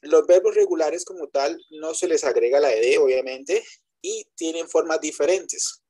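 Husky-voiced man teaching English online. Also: fairly high pitch, normal speed, mellow. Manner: explains step by step, keeps checking with students; switches between Spanish explanation and English examples. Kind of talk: online class lecture. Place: web conference.

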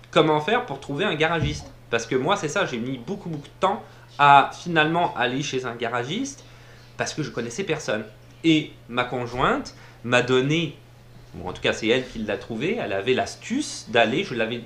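A man's voice: medium pitch, a bit bright, roomy sound. A man giving casual advice in a vlog, chatty and full of fillers, restarting sentences and laughing at himself. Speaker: vlogger. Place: home in Montreal area.

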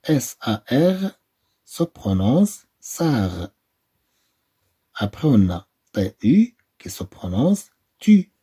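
A man's voice: medium pitch, very animated, very slow, pauses often, mellow, slightly rough. A male teacher with a Moroccan accent leads a beginners' phonics lesson, spelling letters and then sounding out each syllable, repeating every one. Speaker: French teacher.

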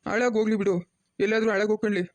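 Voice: mid-range voice, flat delivery, racing, darkish tone, close to an everyday voice. A performer voicing a bewildered, stern grandfather who keeps questioning, with a rural Chikkaballapur Kannada accent.

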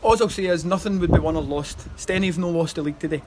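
Very noisy conditions outdoors by a stadium wall frame this post-match interview with a Scottish football manager in his thirties. A fast talker with a fairly high pitch and fairly even intonation, he speaks in rambling runs, filling and restarting as he goes.

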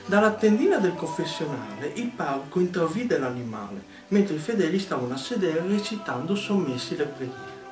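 A man reciting a comic rhyming poem with a theatrical delivery, recorded from afar in an echoey pizzeria over loud music. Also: fairly high pitch, sing-song, moderate pace, few pauses, distant mic. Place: restaurant pizzeria.

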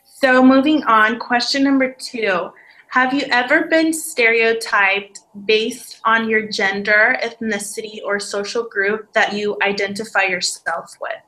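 A woman works through a list of interview questions in an orderly, friendly way. Her voice is fairly high and bright. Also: unhurried, poor audio. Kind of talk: casual interview.

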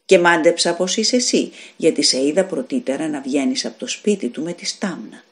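Woman reading as a gentle, mysterious stranger. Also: low-pitched. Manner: soft, calm and kind. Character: gentle, mysterious young man, a calm stranger. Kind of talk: audiobook fairy tale reading.

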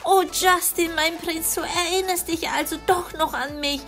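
A woman's voice: very high voice, fairly even intonation, moderate pace, a bit bright, faint music behind. A woman voicing a clingy, lovestruck young woman in a storytelling doll game. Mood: gushing.

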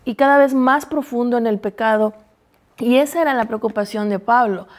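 Speaking at normal speed in a slightly high voice, a Mexican-accented woman in her forties joins a Bible study panel and talks with real animation. She teaches health sciences at a university, comes from Chiapas, and is recorded on a TV studio lapel mic.

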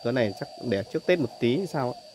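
Filming on a handheld phone, a dove breeder who sells birds gives a chatty, casual tour of the cages in his aviary, filling pauses with short tags and repeating "đấy" between points. His medium-pitched voice is expressive, but the low-quality phone audio is swamped by loudly cooing doves.

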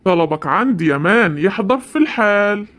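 Cartoon dub: someone playing a calm, servile genie of the lamp with an Egyptian Arabic accent, mid voice. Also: medium pitch, fairly quick, close to an everyday voice. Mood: obliging. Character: obliging male genie of the lamp.

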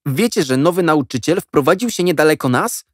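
A man voicing an excited schoolboy who is eager to share his news and pleads with his friends to listen. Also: fairly high pitch, a little fast, no echo, clean studio sound, pitched above the performer's own voice.

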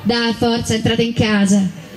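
A woman voicing Peter, a gruff but kindly old woodcutter who teases and grumbles. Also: fairly high pitch, flat delivery, unhurried, lightly acted. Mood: teasing. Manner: teasing, grumbling.

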